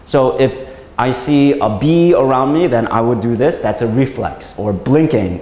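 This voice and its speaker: A man's voice: medium pitch, a little mellow. A man giving a patient science lesson for children, checking often with "right?" as he explains. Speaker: English teacher. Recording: roomy recording with long reverb.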